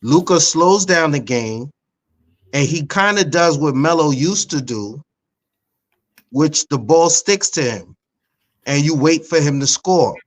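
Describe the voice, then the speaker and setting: A man's voice: fairly high pitch, lively intonation, takes it slowly, long pauses. A man co-hosting a sports podcast, arguing his point insistently and repeating himself for emphasis. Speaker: podcast co-host. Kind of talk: casual sports debate.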